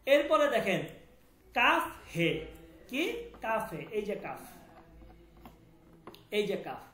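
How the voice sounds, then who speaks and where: A man's voice: high voice, sing-song, takes it slowly, bright, forceful tone, reverberant, slight background noise. A man teaching a language class, repeating each sound and asking students to confirm.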